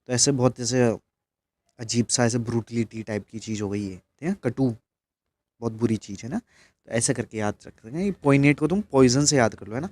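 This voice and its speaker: A man's voice: mid-range voice, moderate pace, a little mellow. A man teaching English vocabulary for exams in a casual, chatty way, often checking in with his listeners. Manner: chatty, keeps checking in with "ठीक है?". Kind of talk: casual exam-prep lesson in Hindi.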